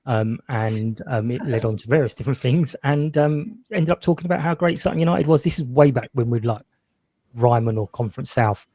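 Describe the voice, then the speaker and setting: A man's voice: mid-range voice, a little fast, warm tone, no room sound. A man hosting a podcast in a casual chat, chatty and self-mocking, laughing often. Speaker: podcast host.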